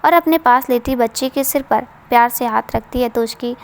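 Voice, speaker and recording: A woman narrating an emotional story aloud in a steady, earnest way. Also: on the high side, moderate pace.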